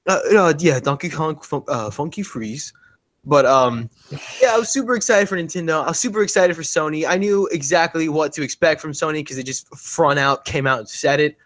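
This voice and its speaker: A man's voice: a little high, brisk, a bit bright. A man co-hosting a gaming podcast in casual chat, talking emphatically with frequent laughs and asides. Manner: chatty, laughs often, emphatic asides like "okay?". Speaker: podcast co-host.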